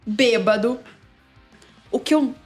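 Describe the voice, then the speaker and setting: A woman sports journalist and narrator, a guest telling a story with quick, emphatic energy in a casual interview. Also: a little high, faint music behind.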